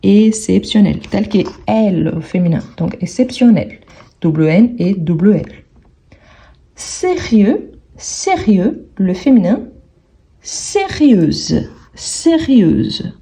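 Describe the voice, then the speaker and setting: A woman works through a grammar exercise as a French teacher, saying each word slowly and more than once. Her voice is husky and breathy, with a very dark, mellow tone. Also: mid-range voice, very animated. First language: Portuguese. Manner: slow, careful, repeats each word several times.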